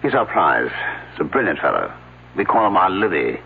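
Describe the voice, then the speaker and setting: This 1970s radio drama, heard as a tinny old broadcast, has an actor voicing a male archaeology professor who is fussy and hesitant, hemming and hawing with plenty of uh's. The man's heavily acted voice sits low and sing-song at a normal speed, creaky and a little breathy.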